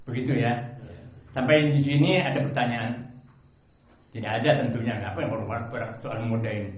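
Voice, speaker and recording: Man teaching Quran recitation, echoey phone-like sound. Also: medium pitch. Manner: explains calmly, then chants verses slowly. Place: prayer room.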